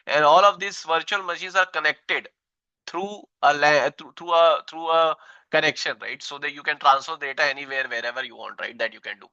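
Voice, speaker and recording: A man's voice: on the high side, fairly quick, bright, forceful tone, clear, resonant tone, no room sound, highs cut off. Indian man teaching with constant "right?" tags. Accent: Indian English. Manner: repeats himself, frequent "right?" tags. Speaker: instructor. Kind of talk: online tech class.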